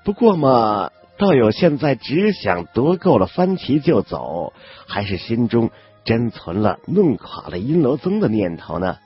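A man's voice: medium pitch, very animated, unhurried, dull audio, faint music behind. A man voicing a shrewd boy spirit companion in an audiobook, asking probing, wry questions.

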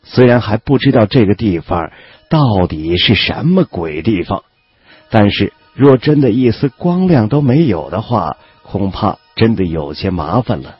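A man giving an expressive scripted audiobook narration of a fantasy novel. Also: unhurried, breathy edge, dry recording, highs cut off, soft background music. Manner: expressive storytelling with lively pitch.

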